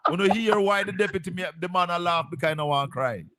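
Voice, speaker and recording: A man's voice: high voice, fast, bright, forceful tone. A man with a Jamaican accent hosting a live stream, pressing his guest with insistent, point-by-point questions.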